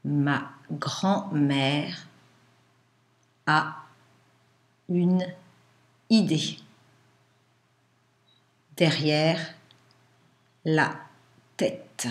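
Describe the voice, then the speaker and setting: A woman schoolteacher dictating to young pupils, pronouncing phrases word by word with deliberate pauses and repeats. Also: sits low. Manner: deliberate, sounding out words with pauses. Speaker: primary school teacher. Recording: echoey room.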